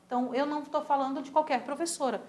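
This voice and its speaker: Brazilian woman, Spanish teacher, higher voice, patient drills of pronunciation, echoey room. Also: steady tone, darkish tone. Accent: Brazilian Portuguese. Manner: patient, models pronunciation by repeating words slowly. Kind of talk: recorded school lesson.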